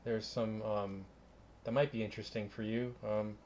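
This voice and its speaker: Low-voiced man running a tabletop game. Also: level tone, a little mellow, a little hiss or hum. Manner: halting, searching for words. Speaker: game master. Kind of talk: casual tabletop game narration.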